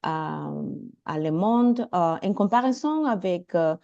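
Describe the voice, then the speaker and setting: Mexican lady w spanish accent, slow n mellow, kinda halting second language, apologizing, introducing herself on a call. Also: on the low side, animated, creaky, dull audio. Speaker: networking meeting participant introducing herself. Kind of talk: informal self-introduction at an online meeting. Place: indoors, video call.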